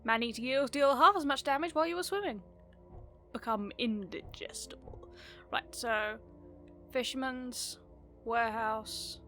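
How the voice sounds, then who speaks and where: A woman plays a video game and comments casually in a high, bright voice. Her asides are sarcastic and blunt, with faint music behind her. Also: unhurried. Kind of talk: casual let's play commentary.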